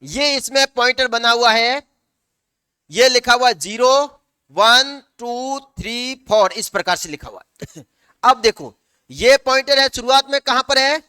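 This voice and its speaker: A male teacher giving a lecture, asking the class questions and answering them himself, sometimes slowing down to dictate notes word by word. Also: very high-pitched, expressive, sharp tone, clear, resonant tone, dry recording, clean studio sound.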